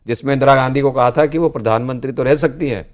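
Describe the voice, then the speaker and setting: A man's voice: mid-range voice, fast talker. An older man, a senior politician, earnestly explaining past events in a studio discussion in speech. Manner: earnest, explanatory, frequently ends with "जी". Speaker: political guest, former student leader.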